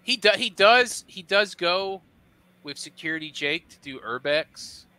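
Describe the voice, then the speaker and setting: Casting: high, bright, lively man hosting a jokey stream. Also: measured pace. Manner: laughs a lot, jokey and animated. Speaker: host. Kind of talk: casual chat on a stream.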